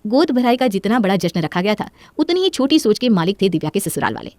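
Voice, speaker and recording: A woman narrating a moral story in a brisk, expressive way. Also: medium pitch, no echo.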